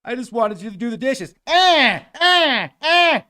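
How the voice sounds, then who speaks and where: A man voicing a glitching, malfunctioning male helper robot that stutters and shouts robotic lines as a comic bit. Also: extremely high pitch, big pitch swings, measured pace, clear, resonant tone, voice pushed up, heavily acted. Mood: glitching panic. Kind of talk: comic bit in a solo talk show.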